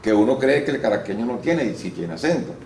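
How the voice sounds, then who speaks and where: Recorded in a roomy room with faint background noise, this man from Venezuela speaks quickly in a mid-range voice. He's an actor and voice-over artist giving a casual interview, explaining at length and telling stories in a lively way, restarting now and then.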